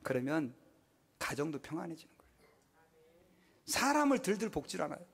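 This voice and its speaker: Man, pastor, 50s, high-pitched, emphatic sermon, rhetorical questions. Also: moderate pace, creaky, husky. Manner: emphatic, animated preaching with acted-out quotes and rhetorical questions.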